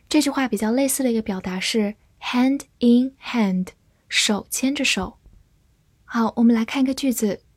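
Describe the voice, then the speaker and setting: A woman teaches English vocabulary in a scripted lesson. Her voice sits slightly high with a soft, breathy edge. She moves very slowly and spells out each word. The sound is dry and close. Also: no room sound. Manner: slow, deliberate spelling and repetition of English words.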